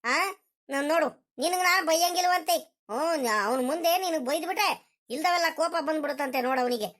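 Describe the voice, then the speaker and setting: A woman voicing a scolding village grandfather in a cartoon comedy, ranting in rapid bursts with repeated exclamations. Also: sits high, fairly bright tone. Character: scolding village grandfather, quick-tempered but soft-hearted.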